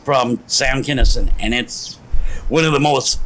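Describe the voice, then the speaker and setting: A man's voice: mid-range voice, unhurried, fairly bright tone, low-quality recording. A man co-hosting a casual podcast, telling stories with lots of swearing and laughter. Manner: profane storytelling, laughs a lot. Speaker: podcast co-host. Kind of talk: casual drinking-podcast chat.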